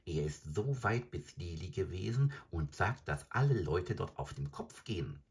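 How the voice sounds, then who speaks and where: A man voicing a cowardly, hungry male jackal with a quick, whining and greedy manner. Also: deep voice, animated, husky, pitched above the performer's own voice, exaggerated voice. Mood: whiny.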